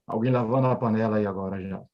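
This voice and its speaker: A man's voice: lowish voice, steady tone, fast talker, dull audio. A man, a pastor, conducting an interview with brief, casual interjections and prompts.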